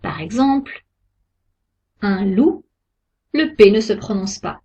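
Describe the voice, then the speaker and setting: Woman, teacher, careful deliberate articulation, unhurried, dull muffled sound. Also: mid-range voice, lively intonation, dark tone, husky. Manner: slow, careful, deliberate articulation of example words. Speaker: French pronunciation teacher. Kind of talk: slow scripted lesson narration. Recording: dull lo-fi recording.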